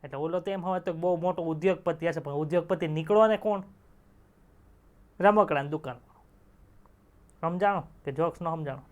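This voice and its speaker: A man's voice: a little high, moderate pace, long pauses. Joke-telling male teacher. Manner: chatty, tells jokes, quizzes students with rhetorical questions. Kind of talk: online exam-prep lecture.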